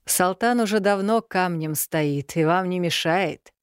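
A woman voicing a man who speaks in a flat, indifferent way. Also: on the low side, a little slow, clear, resonant tone, dry recording, clean studio sound, lightly acted.

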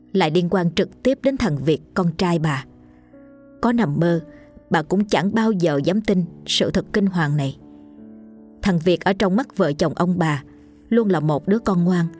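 Female audiobook narrator, low and solemn, faint music bed. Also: darkish tone. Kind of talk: scripted ghost story narration. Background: faint background music.

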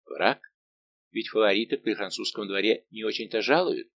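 A man's voice: lowish voice, moderate pace, gravelly, no echo, muffled recording. A man voicing a bitter young nobleman. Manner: bitter, restrained, formal.

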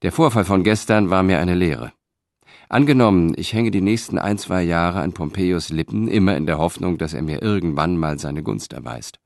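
A man's voice: deep voice, animated, normal speed, creaky, a little mellow, dry recording, clean studio sound. A man reading an audiobook, voicing a proud, ambitious middle-aged Roman senator who speaks with confident, declaiming force.

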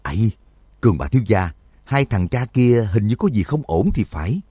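A man voicing a wary companion who speaks in a low, hushed voice. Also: big pitch swings, normal speed, slightly rough, dry recording. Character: wary man whispering a warning.

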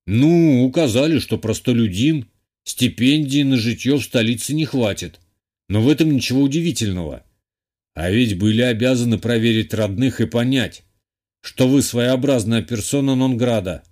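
A man reading an audiobook as first-person narration, measured and even. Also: mid-range voice.

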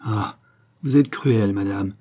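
A man reading a lovesick, jealous young gentleman. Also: mid-range voice, expressive, normal speed, breathy edge. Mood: pleading. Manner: pleading, impassioned.

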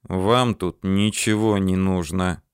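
A man voicing a steady male surveyor who speaks slowly and calmly under threat. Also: mid-range voice, smooth, dry recording, studio quality, voice pushed up. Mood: cold. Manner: slow, coaxing, calm.

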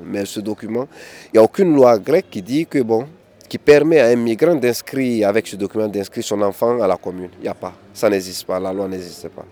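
A man's voice: fairly low pitch, mellow. A man, recounting his experience as a migrant activist in a hesitant interview, often restarting and repeating words. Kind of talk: candid interview testimony.

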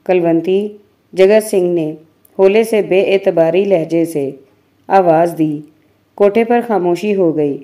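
Woman narrator, novel reading, slow pace, warm tone. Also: lowish voice. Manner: slow, measured literary reading.

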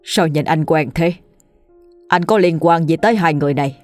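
A woman voicing a stern old-time magistrate who questions witnesses in a spoken ghost story, her tone measured. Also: low voice, darkish tone, soft background music, natural voice. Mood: questioning.

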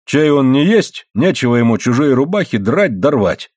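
A man voicing an angry middle-aged coal-miner father who shouts threats and drags his words out slowly. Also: medium pitch, big pitch swings, slightly rough, no echo, studio quality, voice pushed up. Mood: furious.

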